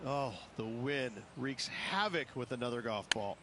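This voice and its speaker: In a lightly acted, animated delivery at medium pitch and a measured pace, a man plays a game's golf commentator. His analysis is descriptive and emphatic, dwelling on difficulty, with clear outdoor ambience in the recording.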